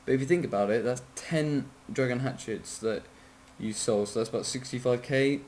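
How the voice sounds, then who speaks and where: Explaining a game in a casual screen-recorded tutorial, this young-sounding man is sleepy and yawning, rambling, apologetic, and quick to correct himself, with some swearing. His medium-pitched voice has a darkish tone at normal speed, over a little hiss or hum.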